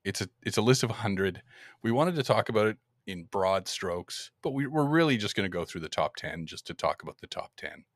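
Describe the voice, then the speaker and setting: Man, podcast host, casual chat, laughs a lot, lively swooping intonation, dry close mic. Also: fairly low pitch, brisk, no room sound. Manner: laughs often, animated.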